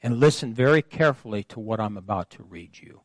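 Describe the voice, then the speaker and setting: A man pastor preaching a sermon with call-and-response, emphatic, swelling louder and higher on key phrases. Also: animated, a little fast, no room sound.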